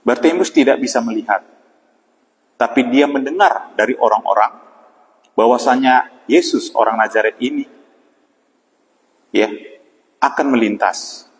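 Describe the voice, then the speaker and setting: Man preaching an evening devotional, reverberant. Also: medium pitch. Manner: unhurried, with frequent "ya" and pauses. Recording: long hall reverb.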